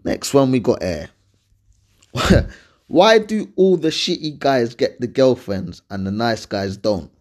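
Speaking slowly but very animatedly, a man with a mid-range, slightly mellow voice hosts a casual advice podcast in an urban London roadman accent and slang. He answers listener questions colloquially and emphatically, repeating himself often and making sure the listener follows.

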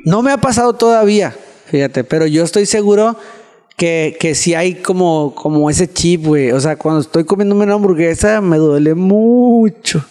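A young Mexican-accented man with a notably high voice tells his story as a podcast guest. He talks in loose, slangy casual chat and pokes fun at himself. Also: normal speed, darkish tone. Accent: Mexican Spanish. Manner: slangy, peppers speech with filler words, self-mocking. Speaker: guest youtuber.

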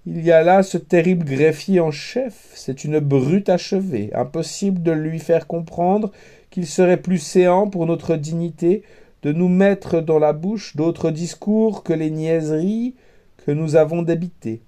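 A man's voice: a little high, a little slow, lightly acted. A man reading a storybook, voicing a haughty young princess who mocks and orders people about. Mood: teasing. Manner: sharp, commanding, teasing.

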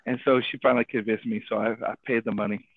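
A man telling a personal story and drawing a faith lesson from it, animated, acting out the people he quotes and often adding "right?". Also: fairly low pitch, quick pace, vocal fry, breathy edge, no echo. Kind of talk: casual radio talk. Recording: tinny phone-like radio audio.

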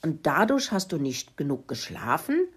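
A woman voicing a wise, stern male tomcat in a children's story who lectures the others, husky voice. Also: deep voice, very animated, normal speed, exaggerated voice. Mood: lecturing.

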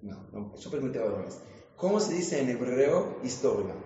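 A man, a rabbi giving a lively Torah class in a synagogue, quizzing his listeners and joking with them. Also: medium pitch, moderate pace, a little hiss or hum. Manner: jokes and quizzes the audience with questions. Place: synagogue hall. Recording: echoey hall, dull lo-fi sound.

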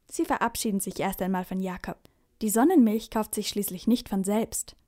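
A woman narrating a children's bedtime story in a clear storytelling manner. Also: mid-range voice, normal speed, warm tone.

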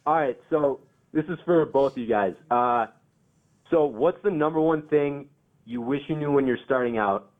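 A man's voice: mid-range voice, moderate pace. Eager young male caller on tinny phone. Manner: eager, thankful.

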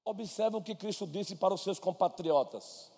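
A man's voice: sits high, moderate pace, warm tone. A man with a Brazilian Portuguese accent preaching a sermon, chatting to the congregation by name and mixing in personal stories. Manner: conversational preaching, addresses listeners by name. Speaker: pastor. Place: church hall. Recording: long hall reverb.

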